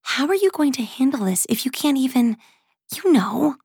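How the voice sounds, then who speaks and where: A woman voicing a cold undead young woman who scolds and teases in a raised, bright voice. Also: sits high, sing-song, husky, no echo, studio quality, voice pushed up, exaggerated voice. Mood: prodding. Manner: scolding, quick, teasing.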